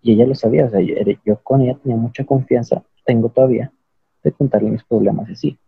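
Young mexican dude, raspy gravelly voice, slangy rambling story on a call, dull lo-fi mic. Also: male voice, mid-range voice, steady tone, quick pace, dry recording. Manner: slangy, rambling, self-mocking. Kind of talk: casual storytelling with friends on a call.

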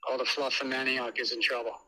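An older man, calling in over a phone on speakerphone, talking casually and haltingly with many pauses. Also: mid-range voice, little pitch movement, sharp tone, low-quality recording. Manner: halting, with many "uh"s, plain-spoken. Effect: heard over a phone on speakerphone. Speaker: caller, host's father.

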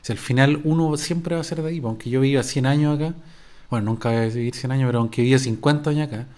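A man's voice: mid-range voice, quick pace, a little mellow. A middle-aged Chilean man with a Chilean accent, chatting casually on his podcast, rambling and slangy with frequent restarts. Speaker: podcast host. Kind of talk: casual chat answering listener questions.

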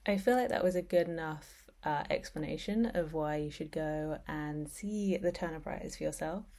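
A woman with a low voice talks to listeners as the host. Her delivery is informal and enthusiastic, in the style of a casual solo chat. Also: moderate pace, mellow.

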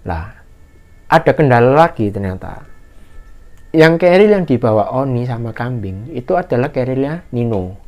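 A man recounts a hiking story in a loose, conversational way. His pitch swings widely as he acts out the shouts of his companions. His voice sits at a mid pitch. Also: normal speed. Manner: animated, acts out shouted quotes in a higher voice. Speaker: guest storyteller. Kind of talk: casual spoken horror story.

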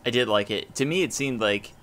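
A man co-hosting a casual movie review chat, relaxed and hesitant, with many fillers. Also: medium pitch, a little fast, slight background noise. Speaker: podcast co-host.

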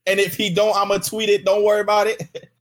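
A man's voice: sits high, flat delivery, quick pace. A man chatting on a livestream, teasing like a hyped gamer bro in heavy slang. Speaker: guest on a livestream. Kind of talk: casual chat.

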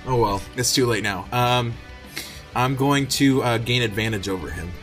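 A man's voice: medium pitch, measured pace, fairly bright tone, soft background music. A man playing a tabletop role-playing game, chatting casually and informally as he says what his character does. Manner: informal, sweary.

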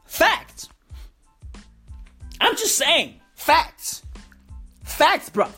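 A woman's voice: high voice, very animated, very slow, pushed and bright, soft background music. A woman giving casual, ranting commentary in frat bro slang, swearing often and repeating herself emphatically with rhetorical questions. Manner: frat bro talk full of slang like bro, broski, bruv and swearing. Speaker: vlogger giving hip-hop commentary.

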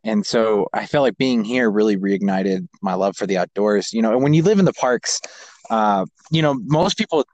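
This American man in his 20s grew up in Kazakhstan and Japan, and he's animated as he casually recounts personal stories as an interview guest on a podcast. His fairly low voice is a little mellow at a normal speed, with no room sound and cut-off highs.

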